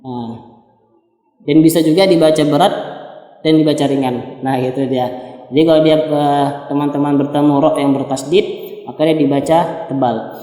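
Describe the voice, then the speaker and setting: A man with an Indonesian accent teaching Quran recitation, explaining the rules and chanting slow, drawn-out examples. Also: a little high, steady tone, dark tone. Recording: echoey room with long reverb.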